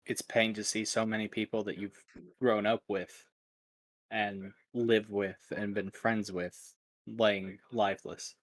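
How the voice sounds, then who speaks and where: A man playing a grieving young dragon rider who speaks quietly and haltingly. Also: fairly low pitch, level tone, lightly acted. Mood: somber.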